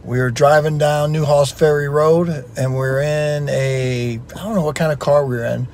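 A man's voice: fairly high pitch, fairly even intonation, normal speed, a little mellow, a little hiss or hum. A man telling a funny family story about his mother, wry and teasing. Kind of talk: casual joking anecdote.

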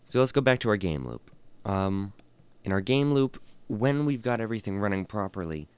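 A tired man teaching a coding lesson, thinking aloud with many fillers and reading code out slowly. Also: on the low side, very animated, clear, resonant tone, no echo. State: tired and yawning. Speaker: programming tutorial host. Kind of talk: casual screen-recorded coding lesson.

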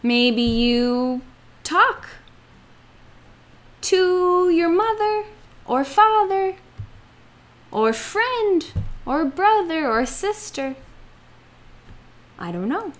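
Very slow, lively woman teaching kids. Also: very high voice. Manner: slow, exaggerated, playful delivery with acted-out feelings. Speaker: English teacher for children. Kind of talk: slow, expressive children's lesson.

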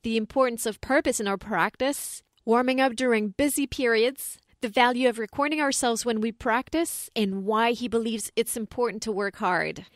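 Woman podcast host, upbeat, higher voice, dead dry recording. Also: fairly even intonation, moderate pace, hardly any pauses, no echo. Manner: enthusiastic, reading an introduction. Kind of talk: podcast interview.

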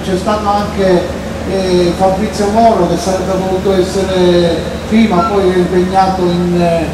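An older man in his sixties hosts a rally in a high voice. He speaks through an outdoor PA with very strong echo, heard from a distance over clear noise. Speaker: rally host introducing speakers. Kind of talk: public speech, later reading a letter aloud. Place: outdoor stage in a town square at night. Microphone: handheld mic through PA, recorded by far camera. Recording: echoing outdoor PA, distant and noisy.

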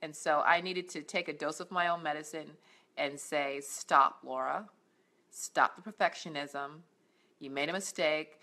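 Earnest woman with a deep, bright voice. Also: fairly even intonation, unhurried. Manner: earnest, encouraging, many fillers and restarts. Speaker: life coach. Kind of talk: faith-based motivational vlog. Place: indoors at home, on a couch.

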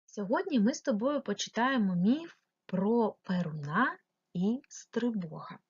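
Ukrainian-accented woman teaching kids remotely; husky, patient, clear stress, dull recording. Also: mid-range voice, expressive, no echo. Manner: slow, clearly stressed, addresses the child directly. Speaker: primary school teacher. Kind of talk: remote lesson for young pupils.

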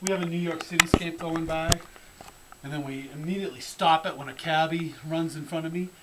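A man's voice: a little high, fairly even intonation. Man thinking aloud on a noisy home video. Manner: halting, thinking aloud with fillers and restarts. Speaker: hobby builder demonstrating a prototype. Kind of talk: casual home-video demo. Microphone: handheld camera mic.

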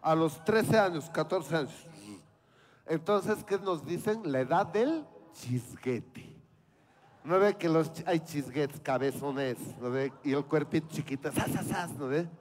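A man's voice: fairly high pitch, measured pace. A man, telling a comedy story on stage and acting out the voices. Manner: animated, acts out voices. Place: outdoor fair stage.

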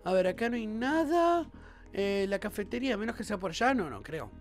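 A man with a Rioplatense Spanish accent giving let's-play commentary, excitable and often bursting into shouts. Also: sits high, fairly quick, faint music behind. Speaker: gaming YouTuber.

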